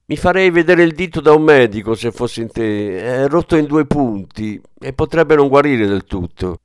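A man's voice: medium pitch, sing-song, normal speed, dry recording, studio quality, close to an everyday voice. A man reading as a menacing ex-cop. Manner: cool, threatening, dryly mocking. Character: hard-bitten ex-cop, tough and menacing.

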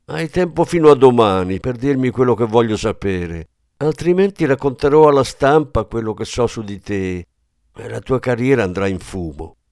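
A man voicing a grieving, menacing former policeman in an audiobook, with a hard, forceful delivery. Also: medium pitch, no echo, clean studio sound, lightly acted.

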